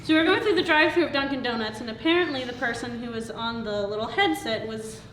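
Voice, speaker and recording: A woman's voice: fairly high pitch, fast, a bit bright, slight background noise. A young woman on a film team, telling stories in a rambling, giggly way. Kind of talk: casual interview. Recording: echoey room with crowd behind.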